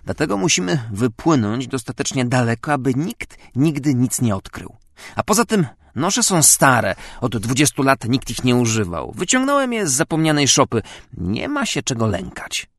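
A man's voice: mid-range voice, very animated, moderate pace, fairly bright tone, no echo. Man reading as a scared stammering accomplice for a storybook, dry close sound. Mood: anxious. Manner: stammering, fearful. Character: terrified superstitious male accomplice. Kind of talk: audiobook character reading.

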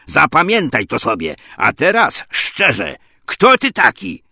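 Man voicing a Soviet officer, Russian-tinged Polish, barking, threatening, husky voice, lively pitch. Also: measured pace, no room sound, studio quality, full character voice. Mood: stern. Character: stern angry male Soviet officer interrogator.

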